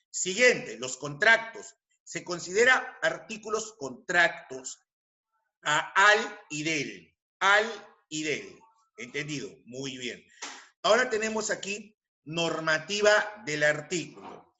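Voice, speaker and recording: A man with a Peruvian Spanish accent giving a grammar lecture, speaking deliberately, repeating key terms and checking that students follow. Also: high-pitched, bright, forceful tone. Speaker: teacher.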